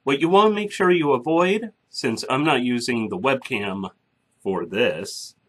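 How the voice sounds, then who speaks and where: A man's voice: medium pitch, expressive, unhurried, husky. A man hosting a casual podcasting tutorial, chatty and blunt as he explains each step, speaking into a mic through a soundboard. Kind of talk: casual screen-recorded tutorial. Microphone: microphone through a soundboard.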